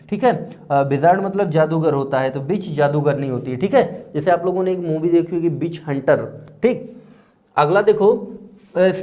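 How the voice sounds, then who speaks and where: Male tutor, high-pitched, patient explainer in an exam-prep class. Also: darkish tone. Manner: explains patiently, often checks with "theek hai". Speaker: teacher. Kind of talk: exam-prep grammar lesson.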